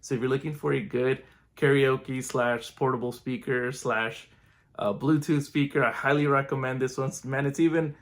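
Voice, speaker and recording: A man's voice: mid-range voice, moderate pace. Casual man reviewing a gadget. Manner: relaxed, chatty, upbeat. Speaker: product reviewer.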